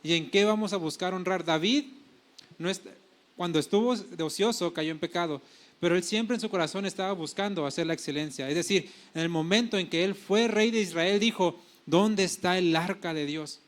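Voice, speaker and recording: High-voiced male pastor preaching. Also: fairly quick. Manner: preaching with paraphrased dialogue and self-corrections. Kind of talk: sermon.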